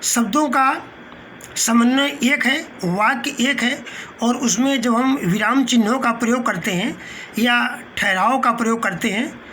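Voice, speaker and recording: A man's voice: very high-pitched, bright, forceful tone. Male teacher, patient lecturing tone, stops on fillers, glosses terms, faint hiss. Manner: patient and explanatory, glossing Hindi terms with English words; pauses mid-phrase with short fillers. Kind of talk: spoken lecture.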